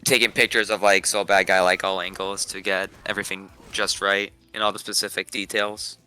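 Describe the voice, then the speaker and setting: A man chatting excitedly in a casual roundtable, swearing and joking. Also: low voice, a little fast, clean tone. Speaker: cosplayer guest. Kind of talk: casual chat.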